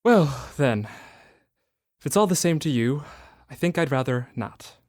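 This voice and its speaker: An actor playing the miserly old Ebenezer Scrooge in a student radio drama, querulous and dismissive, wheedling when frightened. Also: male voice, mid-range voice, lively intonation, unhurried, lightly acted.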